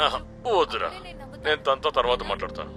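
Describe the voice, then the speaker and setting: A man's voice: medium pitch, expressive, fast, over music, natural voice. An actor playing an older grandfather on the phone, fond and anxious, in dubbed film dialogue.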